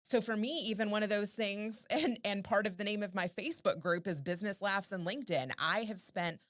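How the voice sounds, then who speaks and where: A woman guests on a podcast and coaches the listener, stacking up question after question to make her point. Her pitch is a plain middle register. The sound is dry and close, with no room around it. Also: fairly quick, fairly bright tone, dry recording. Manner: coaching, fires off strings of rhetorical questions. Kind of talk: casual podcast chat.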